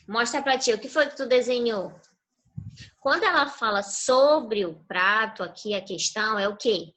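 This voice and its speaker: Bright-voiced woman teaching children. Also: on the high side, rough recording. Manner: patient, prompting with fill-in questions. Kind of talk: online class review for young children. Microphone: video call.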